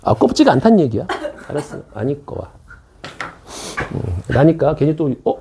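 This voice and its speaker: A middle-aged man teaches math in an academy classroom, cracking jokes and making chatty asides to students between explanations in a casual lecture. His voice sits fairly high with a sing-song, creaky quality at a normal speed. Background noise is audible.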